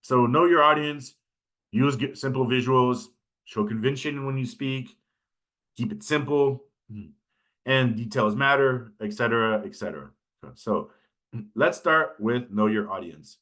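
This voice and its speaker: A pitching-workshop instructor from California, United States, speaks at a measured pace with a medium-pitched, fairly bright voice and a Californian American accent. His lecture is informal and conversational, with frequent check-ins with the people listening.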